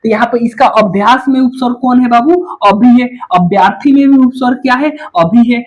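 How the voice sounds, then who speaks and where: A man's voice: very high-pitched, lo-fi sound. A man teaching Hindi grammar in a classroom lecture, who asks questions and answers them himself and keeps calling the listener 'babu'.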